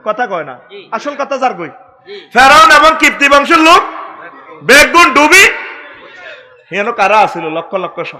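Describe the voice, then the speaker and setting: A middle-aged man preaching a waz sermon, storytelling comically with sudden shouts. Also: high voice.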